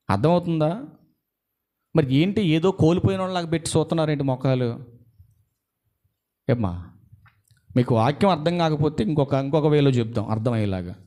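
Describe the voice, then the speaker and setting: Male preacher, high and animated voice, sermon full of rhetorical questions and slowly drawn-out key words. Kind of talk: Easter sermon to a congregation.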